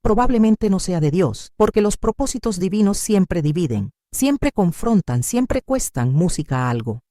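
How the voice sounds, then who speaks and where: A woman narrates a devotional message in a dramatic, emphatic preaching style. Her pitch rises and falls widely, while her tone stays dark and mellow. The recording is dry and close. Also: no room sound.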